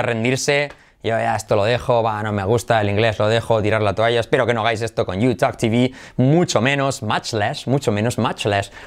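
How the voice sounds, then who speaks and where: Lively Spanish man teaching English. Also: mid-range voice. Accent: Spanish from Spain. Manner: lively, jokey, switches between English and Spanish. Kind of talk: bilingual language lesson.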